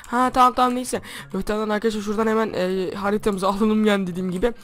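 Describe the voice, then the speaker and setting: A man playing Minecraft for his channel, chattering to his viewers in a hushed voice because it is late at night. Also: sits high, level tone, rapid-fire. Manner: chatty, constantly addressing viewers. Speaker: gaming YouTuber. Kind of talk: Minecraft let's play with role-play.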